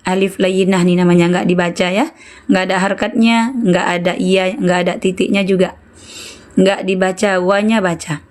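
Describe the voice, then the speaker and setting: A woman's voice: fairly low pitch, steady tone, moderate pace. A woman teaching Quran recitation in an online lesson, patiently correcting students and repeating syllables to model how they should sound.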